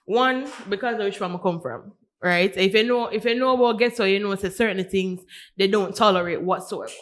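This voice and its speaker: A woman with a Jamaican accent, a podcast guest telling stories in a casual, animated way with many restarts. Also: mid-range voice, brisk. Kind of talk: casual chat.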